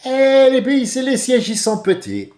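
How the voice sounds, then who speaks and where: Man imitating a grumbling woman passenger, Arabic-accented French, high loud voice, roomy echo. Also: very animated, measured pace, full character voice. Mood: complaining. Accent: Arabic-accented French, put on. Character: chatty North African woman complaining on a bus.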